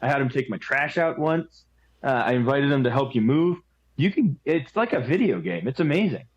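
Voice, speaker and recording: A man's voice: mid-range voice, animated, normal speed, muffled recording. A man co-hosting a podcast, chatting casually with friends in a laid-back, joking way. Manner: laid-back, jokey storytelling. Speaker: podcast co-host. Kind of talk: casual chat among friends.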